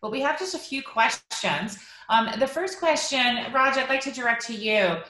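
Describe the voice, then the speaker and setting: Bright-voiced woman moderating a video panel. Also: fairly high pitch, expressive, normal speed, slight background noise. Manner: polite, filler-laden questions. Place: home office with bookshelves. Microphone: video call. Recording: echoey room.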